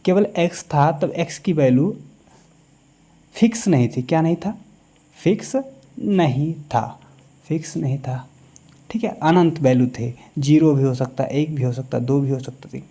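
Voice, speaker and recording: A man teaching a maths lecture in a classroom style, who keeps pausing to ask the class quick check questions. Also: a little high, mellow.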